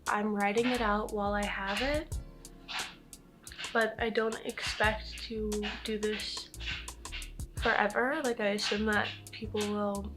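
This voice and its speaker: A woman's voice: mid-range voice, little pitch movement, slow, long pauses, music in the background. A young American woman chatting casually and candidly in a Q&A vlog, self-deprecating and swearing freely. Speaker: vlogger.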